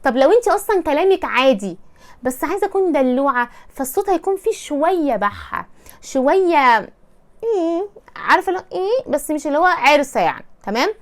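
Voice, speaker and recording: A woman with an Egyptian accent talks fast in a high voice, giving casual advice. She is chatty and keeps slipping into playful mock voices to act out small scenes. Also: sing-song. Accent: Egyptian Arabic. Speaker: advice presenter.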